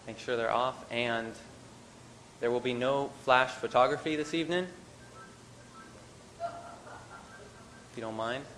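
A man's voice: mid-range voice, slow, pauses often, a bit bright, a little hiss or hum, poor audio. A man making polite housekeeping announcements before an event.

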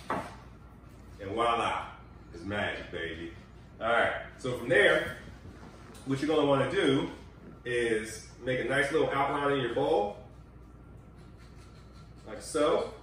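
A cooking show host in his forties runs a casual demonstration in his home kitchen, chatting and coaching while sharing health tips. His medium-pitched voice is a bit bright. A distant camera mic captures an echoey kitchen with a little hiss or hum.

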